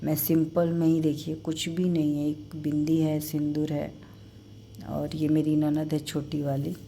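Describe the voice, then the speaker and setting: Soft, low-voiced woman showing photos. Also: completely flat delivery, a little hiss or hum. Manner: soft-spoken, halting and emotional. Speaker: vlogger. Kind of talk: casual vlog chat showing a wedding album.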